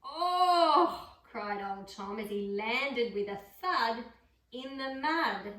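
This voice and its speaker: A woman reading a picture book aloud to a dog, adding gentle chatty asides between pages. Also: on the high side, takes it slowly. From Australia. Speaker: storybook reader. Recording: roomy room, mic far off.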